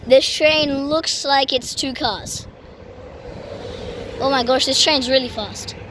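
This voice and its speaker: High-voiced woman, live trainspotting commentary. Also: slow. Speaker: trainspotting vlogger. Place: outdoor train station platform. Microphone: handheld phone. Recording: noisy outdoor phone recording, train rumble. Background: trains and station ambience.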